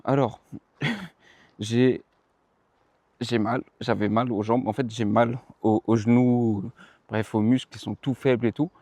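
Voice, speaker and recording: A young man talks casually about his training in a mellow, darker voice, sounding tired. He rambles, restarts his sentences and drops slang. The recording is dry and close. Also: medium pitch, steady tone, slow pace, long pauses, no echo. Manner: rambling, self-correcting, slangy. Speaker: running vlogger. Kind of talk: casual vlog chat to the viewer. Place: outdoors.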